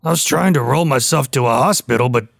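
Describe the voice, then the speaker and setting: A man's voice: medium pitch, fast talker, gravelly, no room sound, studio quality. An actor playing a feeble, confused but boastful male hobo adventurer, stammering theatrically in a comedic fantasy audio drama. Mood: bewildered.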